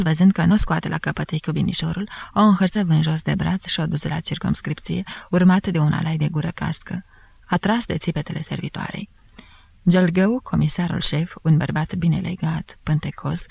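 A woman with a Romanian accent reading an audiobook in steady storytelling narration, close to the mic. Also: low-pitched, creaky, husky, no echo.

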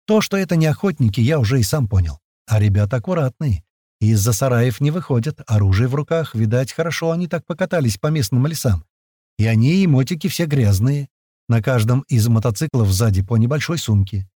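Man, audiobook narrator, casual slangy storytelling, lively pitch, dry close sound. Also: brisk, no echo. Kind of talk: first-person audiobook narration.

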